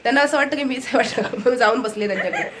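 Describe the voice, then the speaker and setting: A woman's voice: fairly high pitch, very fast, a bit bright, slight background noise. A woman with a Konkan Marathi accent, chatting casually through a home vlog and showing things to the camera. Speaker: vlogger. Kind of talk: casual daily vlog narration. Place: family home, indoors.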